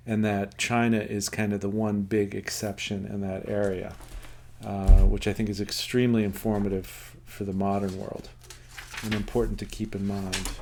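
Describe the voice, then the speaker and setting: A man's voice: on the low side, creaky, slight background noise. Rambling man reviewing a book. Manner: halting, lots of fillers and self-corrections; reads passages aloud in a steady, measured way. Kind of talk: casual book review with read-aloud passages.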